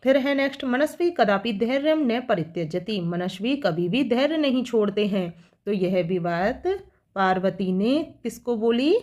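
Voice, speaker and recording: A woman teacher, speaking, works through textbook exercises for children, reading each line slowly and then explaining it. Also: on the high side, expressive, darkish tone. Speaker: school teacher.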